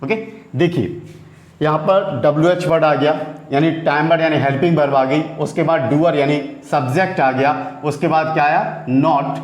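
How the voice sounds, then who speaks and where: Guy teaching grammar in hindi, kinda high voice, keeps asking "what comes next", echoey room. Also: moderate pace. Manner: keeps asking rhetorical questions, repeats key words. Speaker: English teacher. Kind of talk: Hindi grammar lesson, explaining step by step.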